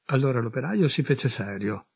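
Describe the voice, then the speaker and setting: Husky-voiced Italian male storyteller. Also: mid-range voice, no room sound, studio quality. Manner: measured, expressive storytelling. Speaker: audiobook reader. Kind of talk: scripted literary narration.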